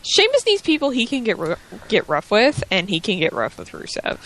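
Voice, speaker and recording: A woman's voice: a little high, huge pitch swings, normal speed, a bit bright, a little hiss or hum. A woman co-hosting a wrestling radio post-show, chatting casually and teasing the wrestlers with sassy asides. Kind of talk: casual chat.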